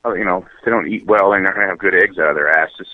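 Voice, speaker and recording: A man's voice: low-pitched, fast talker. A man chatting casually as a podcast guest, hesitant and wry, with some swearing, over a phone line. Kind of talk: casual profane chat. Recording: thin narrow-band phone line.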